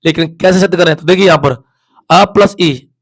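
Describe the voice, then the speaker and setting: A man's voice: sits high, fairly quick, slightly rough. A man teaching a class, sounding out vowels again and again and asking questions that he then answers himself. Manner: repeats sounds aloud, asks and answers his own questions. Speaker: Hindi teacher. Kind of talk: classroom lesson at a board.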